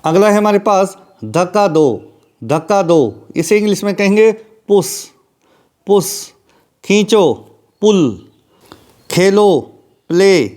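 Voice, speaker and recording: A man with a high voice runs a vocabulary lesson. He speaks slowly and deliberately and repeats every word to drill it in. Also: lively intonation, darkish tone. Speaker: English teacher.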